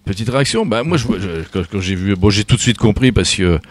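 A man's voice: on the low side, animated, brisk. A man in his fifties, a radio columnist, chatting casually on air and stumbling hesitantly over his words. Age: 50s.

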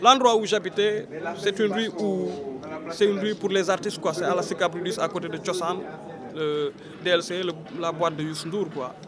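A man's voice: sits high, steady tone, moderate pace. A man in his thirties from Senegal, a rapper chatting loosely in an interview and ending phrases with "quoi". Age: 30s. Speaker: rapper and reggae artist. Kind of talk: casual interview chat. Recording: outdoor crowd chatter behind.

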